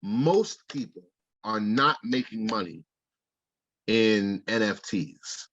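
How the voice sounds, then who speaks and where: Man, casual interview, blunt, profane, animated, husky voice, dull lo-fi sound. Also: lowish voice, slow, dry recording. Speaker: digital artist interviewee.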